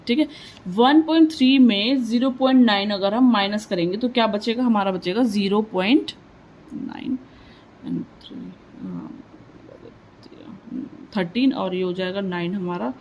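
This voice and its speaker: A woman's voice: mid-range voice, a little mellow, a little hiss or hum, low-quality recording. A woman teaching a maths lesson step by step, working the sums aloud and asking and answering her own questions as she goes. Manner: mixes English words into Hindi explanation.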